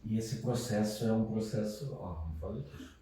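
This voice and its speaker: Brazilian father, calm reflective speaker, warm dark tone; roomy and distant. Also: on the low side, moderate pace. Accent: Brazilian Portuguese. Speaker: guest, father. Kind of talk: reflective faith talk. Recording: echoey room, mic at a distance.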